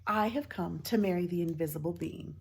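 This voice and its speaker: A brave young girl from a storybook answers simply and quietly, voiced by a woman reading aloud. Her voice sits low with a breathy, husky texture. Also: brisk. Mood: calm.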